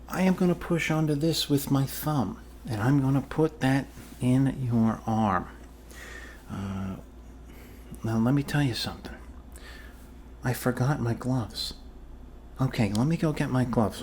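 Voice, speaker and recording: A man improvises an ASMR roleplay as a goofy, reassuring doctor, rambling and joking casually. He speaks slowly in a mid-pitched voice with a darkish tone, and faint background noise is audible.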